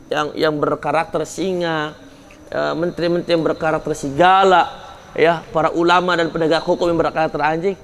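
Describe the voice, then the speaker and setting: A man's voice: a little high, a little hiss or hum. A man preaching a sermon at a religious study gathering, turning to his listeners with casual colloquial asides and rising sharply when he scolds. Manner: casual colloquial asides addressing the men in the audience.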